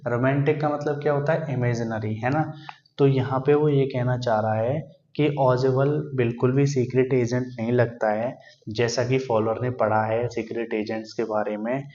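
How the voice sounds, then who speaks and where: A man's voice: mid-range voice, steady tone, moderate pace, warm tone. Male tutor explaining a text, asks and answers his own questions; muffled, echoey room sound. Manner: explains line by line, asking the class questions and answering them. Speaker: teacher. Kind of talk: Hindi explanation of an English textbook chapter.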